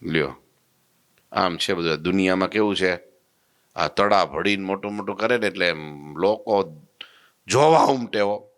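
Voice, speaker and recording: Deep-voiced preacher. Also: male voice, normal speed, pauses often, clean tone. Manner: folksy, animated storytelling with acted voices. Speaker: preacher giving a religious discourse. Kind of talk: storytelling sermon.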